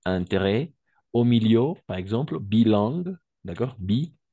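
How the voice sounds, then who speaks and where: Teaching French to Spanish-speaking learners, the man explains slowly and keeps checking in with "d'accord?", sometimes shifting into Spanish. His fairly low, mellow voice is animated; the audio is dull but free of echo.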